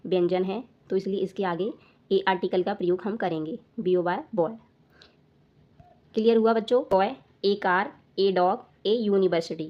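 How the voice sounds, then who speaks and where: A woman teaching a grammar lesson to children, repeating each point slowly and asking if it is clear. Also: medium pitch, lo-fi sound.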